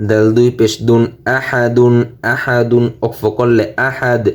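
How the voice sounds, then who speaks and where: A man's voice: mid-range voice, little pitch movement, a little slow. A man with a Bangladeshi Bengali accent teaching Quran reading, spelling out each word letter by letter and repeating every syllable. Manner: breaks words into letters and vowel marks, repeating each syllable. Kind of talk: spelling-out Quran recitation lesson.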